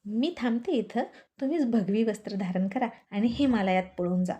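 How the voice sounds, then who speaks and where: A woman voicing a sharp-tongued young wife who scolds her husband. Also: medium pitch, normal speed, natural voice. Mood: irritated. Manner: snappy, scolding.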